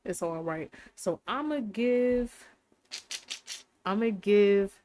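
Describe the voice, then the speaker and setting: A woman's voice: medium pitch, animated, takes it slowly, dark tone, slight background noise. A young woman hosting a casual faith talk, rambling and heartfelt, with many fillers. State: briefly emotional. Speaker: podcast host.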